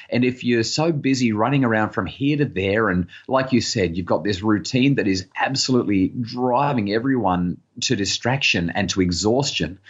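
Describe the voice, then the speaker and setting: A middle-aged man talks as a guest on a parenting podcast. His voice sits low and has a breathy, husky edge. He speaks earnestly and often stumbles over repeated words, and the audio comes through muffled and lo-fi. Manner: earnest, repeats words when starting sentences; acts out harried parent voices in higher pitch. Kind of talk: podcast interview conversation.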